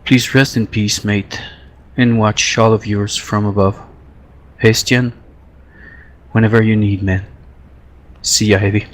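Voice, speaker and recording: A man says a brief farewell over voice chat in a slow, measured way. His voice is low and stays flat and even, with faint noise behind it. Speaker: speaker at an online game memorial.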